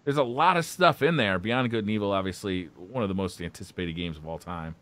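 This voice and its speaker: Co-host, man, bright sharp voice, dry close sound, eager rambling. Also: lowish voice, quick pace, no room sound. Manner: enthusiastic, rambling with filler words. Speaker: podcast co-host. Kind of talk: casual gaming chat.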